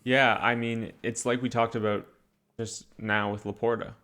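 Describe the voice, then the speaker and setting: A man's voice: mid-range voice, flat delivery, moderate pace, fairly bright tone. Emphatic young man hosting a podcast. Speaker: podcast host. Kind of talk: casual chat.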